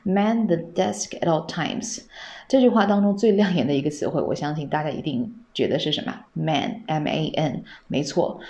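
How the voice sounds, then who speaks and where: Low gravelly woman teaching English. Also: darkish tone. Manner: patient, repeats phrases slowly, asks rhetorical questions. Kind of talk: podcast English lesson.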